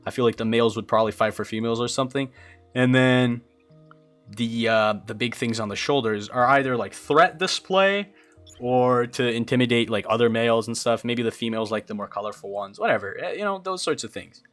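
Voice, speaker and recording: Here the young Brazilian streamer has a medium-pitched, fairly bright voice and talks a little fast, with faint music behind him. Portuguese is his first language, and he chats casually with viewers while building a game creature, thinking out loud, stammering, and restarting often.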